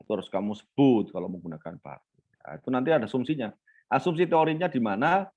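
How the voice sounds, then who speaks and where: A man's voice: medium pitch, animated, fast talker. Teasing male lecturer, dull lo-fi call. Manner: teasing, quizzes students by name. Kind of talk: online class lecture.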